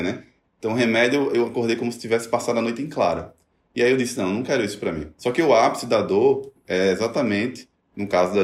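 Animated man in an echoey room. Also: medium pitch. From Brazil. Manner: animated, acts out quoted voices. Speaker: guest telling his story. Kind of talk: personal story in a conversation.

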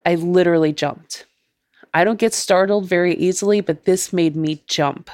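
A woman podcast host narrating her own ghost story in a measured, deliberate way. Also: on the low side, darkish tone, dry recording, studio quality.

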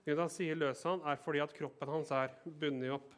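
A man's voice: fairly high pitch, fairly even intonation. A man preaching a sermon with a slightly raised voice. He reads the scripture passage first, then shifts into a chatty explanation and keeps asking the congregation whether they follow him. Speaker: pastor.

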